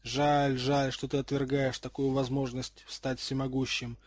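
A man doing a hushed, menacing dark lord. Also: mid-range voice, level tone, measured pace, natural voice.

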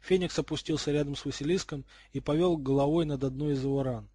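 Husky man reading a storybook aloud. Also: on the high side, fairly even intonation, quick pace, warm tone, no echo, clean studio sound. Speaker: audiobook reader. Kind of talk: storybook narration.

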